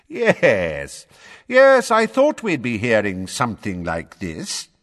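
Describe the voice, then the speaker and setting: A man's voice: mid-range voice, huge pitch swings, slow, a bit bright, in a large hall, pitched above the performer's own voice, exaggerated voice. A man voicing a blustering, testy middle-aged minister who reads out charges formally.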